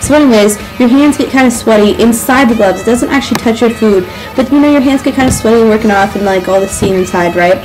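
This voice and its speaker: A nineteen-year-old woman ranting comedically about work in a sarcastic, exasperated, animated way with frequent swearing. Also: on the high side, fast, few pauses, soft background music, rough recording. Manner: animated, acts out customers' lines. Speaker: sandwich shop worker. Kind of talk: comedic rant to camera.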